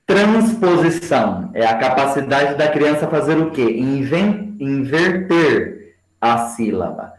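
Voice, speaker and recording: A man giving a training lecture to teachers and slowly spelling out example words for his class. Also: mid-range voice, very animated. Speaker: education lecturer. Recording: roomy echo.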